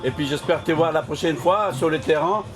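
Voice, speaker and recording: At a community associations forum held in a sports hall, a man interviews people on location for local web TV. He speaks briskly in a fairly high voice, with music playing behind him at the busy event.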